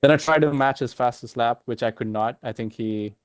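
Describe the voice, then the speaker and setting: A man talking casually after winning a sim race, halting with many fillers and restarts. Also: mid-range voice, no room sound. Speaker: sim racing driver, race winner. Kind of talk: casual post-race interview.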